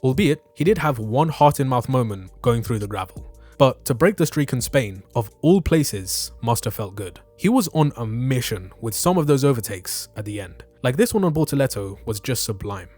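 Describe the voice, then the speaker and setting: Speaking at a normal speed, a man with a medium-pitched, slightly mellow voice sounds expressive as he reviews a Formula One race for his motorsport YouTube channel. His take is scripted and opinionated, peppered with fan slang, with music behind him.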